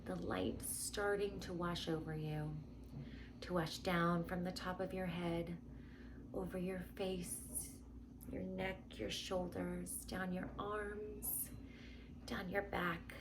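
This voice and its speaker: A woman guiding a meditation in a soft, hushed near-whisper, gently and with long pauses. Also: fairly low pitch, noisy background. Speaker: meditation guide.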